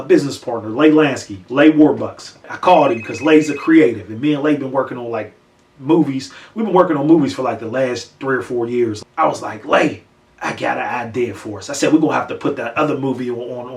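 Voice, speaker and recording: A man's voice: mid-range voice, reverberant, far from the mic. A man from Pittsburgh with an American accent, casually telling the story of his own creative project in slangy speech and acting out bits of quoted dialogue. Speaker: independent film creator. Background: music.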